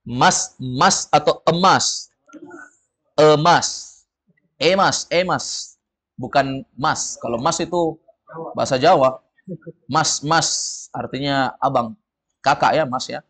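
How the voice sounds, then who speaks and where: A man's voice: fairly high pitch, slow, long pauses, a bit bright. A man teaching an Arabic lesson to a group, saying words for them to repeat and explaining their meanings. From of Padang descent. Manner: drills words, students repeat. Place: study room with a group.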